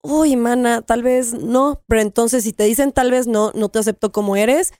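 A woman's voice: on the high side, fairly even intonation, moderate pace, darkish tone, no echo, studio quality. Mexican woman host, hesitant and supportive. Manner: supportive, hesitant, with many fillers. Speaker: podcast host. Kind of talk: casual podcast chat.

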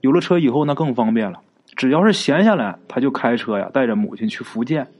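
A man's voice: medium pitch, lively intonation, fast, darkish tone, husky. A man narrating a ghost story in a chatty, folksy way, drawing out particles and speaking straight to his listeners.

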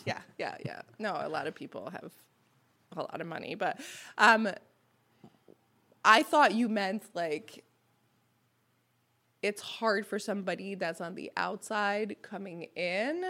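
A Montreal woman in her thirties, a native French speaker with a French Canadian accent, chats casually as a podcast guest who co-owns a restaurant. She's talkative and sprinkles in lots of "like" and "you know." Her mid-range voice sounds pushed and bright, with a slightly slow pace and long pauses.

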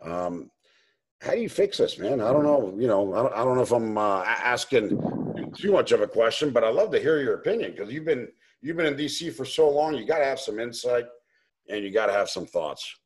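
A man's voice: medium pitch, animated, brisk, husky. A man from Maryland hosting a casual interview, rambling with lots of fillers and restarts. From Maryland, USA. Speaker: host.

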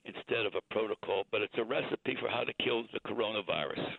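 A man's voice: fairly low pitch, fast talker, gravelly, husky, no echo. A man in his eighties calling in to a radio show over the phone, rambling and chuckling as he talks. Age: 80s. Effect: caller heard over a phone line. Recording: tinny phone line, dry.

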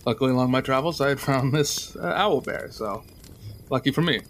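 A man playing a polite, earnest wandering journalist adventurer in a tabletop game, speaking in measured, formal, hesitant phrases. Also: medium pitch, a bit bright, a little hiss or hum, natural voice. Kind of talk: tabletop role-play in character.

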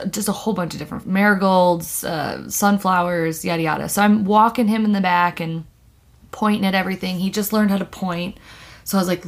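Young woman chatting casually on a podcast. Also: lowish voice. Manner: informal, expressive storytelling with swearing. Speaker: podcast co-host. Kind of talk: casual podcast chat and storytelling.

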